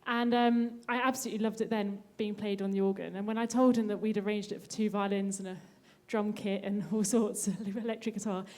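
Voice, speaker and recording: A woman's voice: mid-range voice, level tone, a little fast, hardly any pauses, darkish tone. A woman violinist introducing the next piece to a live audience on a cruise ship stage, friendly and upbeat, through a stage mic.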